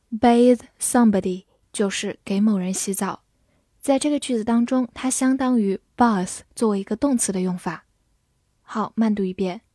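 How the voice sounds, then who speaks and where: A woman gives a scripted vocabulary lesson at an unhurried, measured pace. Her voice is mellow and sits a little high, and she spells each word letter by letter before reading the examples slowly. The sound is dry and close, with no room around it. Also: husky, dry recording. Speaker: English vocabulary teacher.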